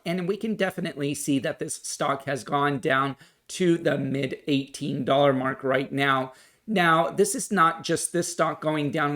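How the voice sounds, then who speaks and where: Hosting a stock market video, a man delivers earnest, emphatic explanatory commentary to viewers, repeatedly returning to the main points. His pitch is fairly high and his tone fairly bright.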